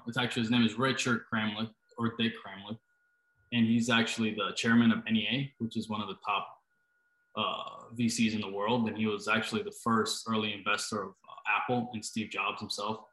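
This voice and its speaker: Hesitant low-voiced man in echoey room. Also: level tone, brisk, fairly bright tone. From Costa Rica. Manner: hesitant, many fillers and restarts. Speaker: startup founder, guest. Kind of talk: casual interview answers. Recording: roomy, echoey sound.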